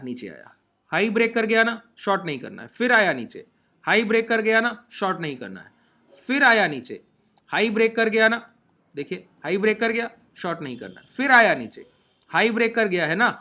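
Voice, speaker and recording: A man's voice: high voice, sing-song, normal speed, pushed and bright. A man giving a step-by-step trading lesson, often checking in with his listeners. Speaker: trading teacher. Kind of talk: screen-share trading lesson.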